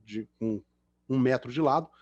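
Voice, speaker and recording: Here the same kind of speaker, a middle-aged guest engineer from Belo Horizonte with a Mineiro Brazilian Portuguese accent, talks at a normal speed in a medium pitch. He banters and pokes fun at himself, heavy on fillers, as an online lecture ends over video call. The recording is dry, with the high frequencies cut off.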